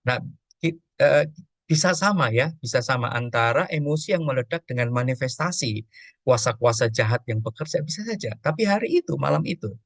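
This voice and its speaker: Pastor, male, gravelly voice, dry close sound, storytelling teacher who acts out prayers. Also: mid-range voice, expressive, brisk, dry recording. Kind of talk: teaching session on emotions and prayer.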